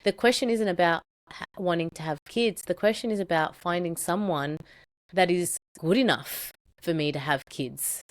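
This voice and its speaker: Low-voiced woman from El Salvador, storytelling. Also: moderate pace. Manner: animated, acts out quoted dialogue with rising pitch. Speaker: guest. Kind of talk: candid personal storytelling.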